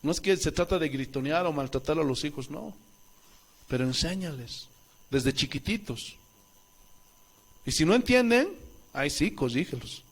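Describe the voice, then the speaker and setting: A man with a Bolivian Spanish accent preaching a sermon as pastor in a church, asking the congregation questions and swinging between loud calls and soft asides. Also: on the high side, lively intonation, normal speed, long pauses.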